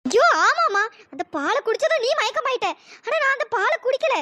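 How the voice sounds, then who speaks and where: A voice actor playing a suspicious, indignant young woman in a cartoon story, with a pitch-raised processed voice. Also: big pitch swings, brisk, pushed and bright, full character voice. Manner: indignant, accusing.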